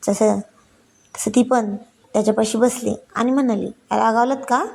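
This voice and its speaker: A woman narrating a story in a plain, steady storytelling manner. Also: fairly high pitch, moderate pace, creaky, breathy edge.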